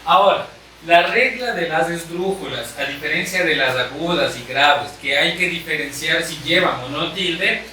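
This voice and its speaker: A man teaching a grammar lesson at a board, speaking slowly and deliberately and repeating the key points. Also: fairly high pitch, sharp tone, a little hiss or hum. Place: room with a board. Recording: echoey room, mic far off.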